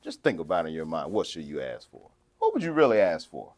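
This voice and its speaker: A man preaching a sermon, conversational, shifting between quiet asides and loud, slow scripture reading. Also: very deep voice, huge pitch swings. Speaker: pastor.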